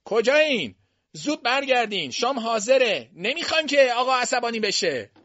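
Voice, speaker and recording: A man voicing a woman housekeeper who calls the children to supper in a high, loud voice. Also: very animated, no room sound, dull audio, exaggerated voice. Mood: calling. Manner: loud calling.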